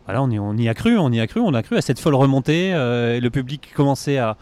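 A male podcast host talks golf in a conversational way. His phrasing is halting, with words often repeated as he builds a sentence. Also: mid-range voice, lively intonation, darkish tone. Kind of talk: conversational golf tournament discussion.

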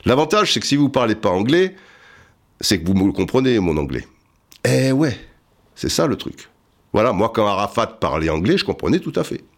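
Lively low-voiced male comic storyteller. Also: normal speed. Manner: rambling, self-mocking, full of asides and restarts.

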